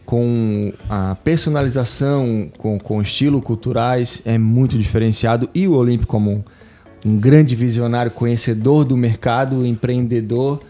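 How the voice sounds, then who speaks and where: A man's voice: medium pitch, moderate pace, mellow, soft background music. A man hosting a podcast in a casual, jokey way who praises his guest. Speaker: host.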